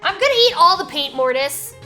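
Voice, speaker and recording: A woman's voice: sits high, big pitch swings, fairly quick, pushed and bright, soft background music. A woman in her thirties hosting a stream, chatting casually and laughing often while she paints. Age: 30s. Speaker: stream host. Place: studio set with a table.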